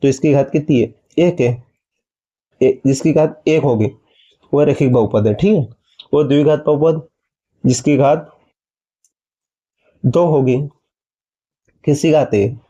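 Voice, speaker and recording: A man's voice: mid-range voice, slow pace, pauses often, dark tone, lo-fi sound. A man teaching a maths lesson, explaining step by step and asking his students questions before answering them himself. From India.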